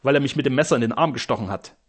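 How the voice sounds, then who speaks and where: A man's voice: mid-range voice, rapid-fire, slightly rough, natural voice. A man voicing a boastful old castle steward with pompous, theatrical bluster.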